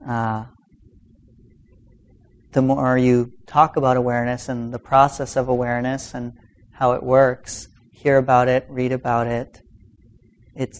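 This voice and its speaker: A man teaching meditation in an informal dharma talk, speaking in a halting, reflective way with long pauses. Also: medium pitch. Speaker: meditation teacher giving a talk to a practice group.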